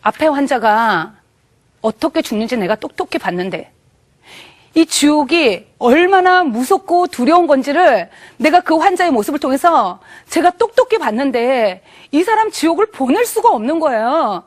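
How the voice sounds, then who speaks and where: High-voiced woman giving earnest testimony. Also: sing-song. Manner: earnest and emotional, with halting pauses. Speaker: church testimony speaker. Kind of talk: personal faith testimony.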